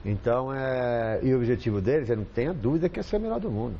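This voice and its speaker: A man's voice: medium pitch, animated, racing, mellow, dull audio, slight background noise. A man with a Brazilian accent, a football coach guest chatting casually on a TV panel, rambling and repeating himself with lots of fillers. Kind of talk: casual studio chat.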